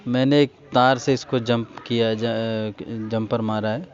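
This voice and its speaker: An Indian man gives a casual, hands-on repair tutorial, speaking informally and addressing viewers directly. His mid-range voice is steady and slow-paced. The recording is dull and lo-fi, with faint noise.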